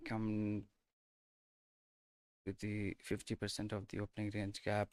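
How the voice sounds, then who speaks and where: A man commenting on his trades live in an unhurried, drawn-out way, often trailing off into mutters and short bursts like "boom." His voice is smooth and clear. It sits close and dry, with no room echo. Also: monotone. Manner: mutters and trails off, exclaiming at price moves. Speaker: live stream day trader.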